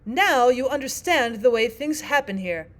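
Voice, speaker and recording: A scatterbrained old queen from a storybook, acted out by a woman reader. She is high and highly animated, pushing each phrase with loud, exclamatory emphasis and bossy certainty. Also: normal speed. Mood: brisk.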